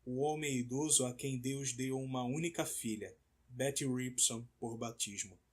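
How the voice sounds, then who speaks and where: A man narrating an audiobook in a measured, somber reading. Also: medium pitch, husky. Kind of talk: scripted narration.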